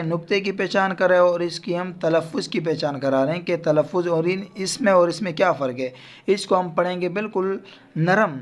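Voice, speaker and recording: Here a man whose voice sits high and who has a Pakistani Urdu accent is teaching children to pronounce the letters of the Quran. He elongates each letter sound in between his explanations.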